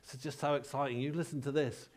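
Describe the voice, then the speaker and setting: A man putting on the voice of an excitable woman who hosts church meetings, gushing and repeating herself breathlessly. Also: mid-range voice, quick pace, natural voice. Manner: breathless, repetitive enthusiasm.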